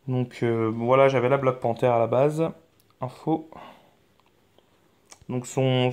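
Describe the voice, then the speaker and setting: A man of middle pitch hosts a mobile game channel in casual gameplay commentary. He rambles and hesitates, often stopping on fillers and starting his sentences over. His tone stays frank and offhand, with some mild swearing. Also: a little mellow.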